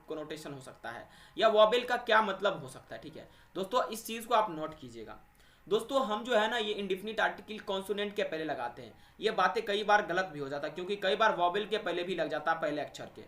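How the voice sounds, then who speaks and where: Male teacher with a bright, echoey voice. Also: high voice. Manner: addresses students as friends and little brothers, asks and answers own questions. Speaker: English teacher. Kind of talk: exam-prep grammar lesson.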